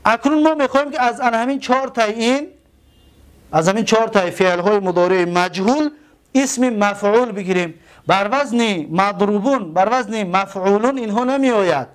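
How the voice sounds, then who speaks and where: A man with a Tajik accent teaching a grammar lesson, repeating key terms slowly and asking his students rhetorical questions. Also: sits high, clear, resonant tone. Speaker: religious school teacher.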